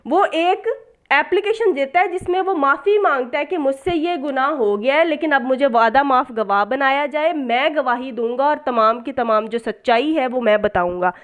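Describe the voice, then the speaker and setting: Speaking at a normal speed in a high voice, this law tutor with a Pakistani accent walks through the material one step at a time. Her teaching style is didactic: she asks rhetorical questions, drops in English legal terminology, and says the important points more than once.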